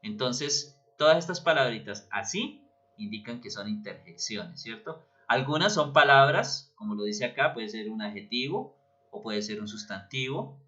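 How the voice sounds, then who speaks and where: A man's voice: mid-range voice, expressive, moderate pace, sharp tone. A man teaching a grammar lesson, patiently explaining and often checking that students follow. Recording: dull lo-fi recording.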